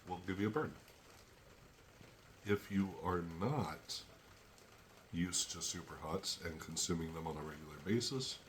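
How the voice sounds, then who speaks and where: Man, deep low voice, slow measured chili tasting review, teary and sniffly, faint background hiss. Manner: slow, measured, thinking aloud between pauses. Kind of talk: casual solo tasting review.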